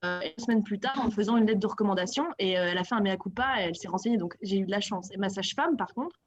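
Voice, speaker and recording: A young adult woman giving casual personal testimony in an online discussion, in a halting conversational way. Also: medium pitch, highs cut off, faint music behind.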